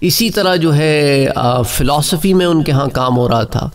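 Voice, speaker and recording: A man's voice: a little high, unhurried. A man giving an Islamic religious lecture, explaining points in a conversational way and addressing listeners as brother. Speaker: Islamic preacher.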